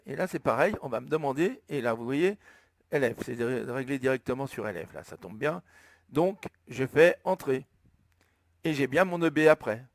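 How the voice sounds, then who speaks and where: Slow gravelly French man. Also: medium pitch, dry recording, studio quality. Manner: slow step-by-step explaining, thinking aloud. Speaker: flight sim tutorial maker. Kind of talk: screen-recorded tutorial narration.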